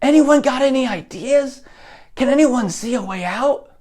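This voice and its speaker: A panicked male prisoner calls out in a tight, strained voice, pitched well above a normal speaking voice. A man puts him on as part of a tabletop game scene. He sounds urgent and frightened. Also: lively intonation, measured pace, a little mellow. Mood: urgent, scared.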